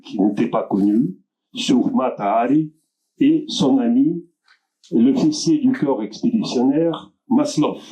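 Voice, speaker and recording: Slow, hesitant man with a dark voice. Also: mid-range voice. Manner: halting, many filler sounds and restarts. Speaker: event host introducing speakers. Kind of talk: hesitant spoken introduction. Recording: dull lo-fi room recording.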